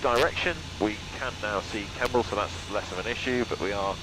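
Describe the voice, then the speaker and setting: A low male voice speaks as a pilot over the radio, running through clipped calls and checks. He is on a headset in a small aircraft, with clear engine noise around him. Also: fairly quick. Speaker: student pilot. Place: small microlight aircraft cockpit in flight. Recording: engine-noisy cockpit intercom. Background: aircraft engine drone.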